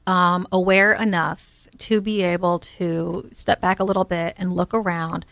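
A woman co-hosting a podcast, talking in a thoughtful, halting casual way. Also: fairly low pitch, little pitch movement, creaky, fairly bright tone, dry recording. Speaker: podcast co-host. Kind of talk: casual chat.

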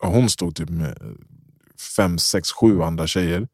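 A man's voice: low voice, husky, no echo, studio quality. A young man co-hosting a podcast, telling a story expressively, acting out scenes and laughing often. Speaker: podcast co-host. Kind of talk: casual storytelling chat.

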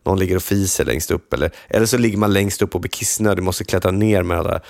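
A man with a low voice chats casually on a podcast. He teases and jokes, often stumbling and restarting his sentences. The sound is dry and close. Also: vocal fry, darkish tone, no echo. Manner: teasing, joking, with stammered restarts. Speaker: podcast co-host. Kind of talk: casual chat.

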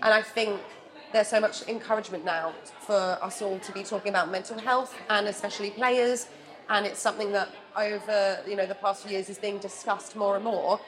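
A woman's voice: medium pitch, steady tone, a little fast. A woman hosting a sports podcast in casual chat, leading the talk with light laughter. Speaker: podcast host.

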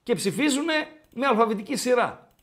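A man's voice: extremely high pitch, animated, fairly bright tone. A man hosting a casual sports talk show, telling stories and teasing his co-host. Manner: storytelling, mimics dialogue in quotes; bantering, teasing.

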